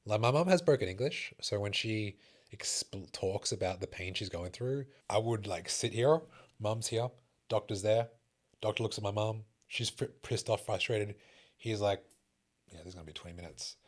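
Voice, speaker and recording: A young man with a fairly low voice talks in a casual podcast chat. He tells personal stories with raw emotion and curses freely, like a fitness coach opening up. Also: moderate pace. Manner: emotional storytelling with frequent swearing.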